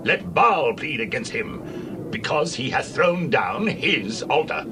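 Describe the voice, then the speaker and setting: An actor playing a defiant Israelite father, declaiming slowly in a scripture drama. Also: a little high, very animated, heavily acted. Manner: slow, declamatory. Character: Joash, defiant Israelite father challenging a mob. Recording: clear background noise.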